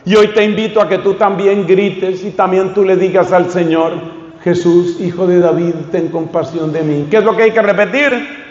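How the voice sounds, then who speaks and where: A man, a priest preaching a fervent sermon that rises to loud calls and leads the crowd in repeated chants. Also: high voice, fairly even intonation, moderate pace, a little hiss or hum. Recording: echoey hall, dull sound.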